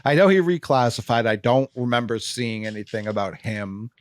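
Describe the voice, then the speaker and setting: A man with a Boston accent, hosting a casual sports podcast, talking in an animated way and swearing freely. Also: mid-range voice, moderate pace, no echo, clean studio sound. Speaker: podcast host.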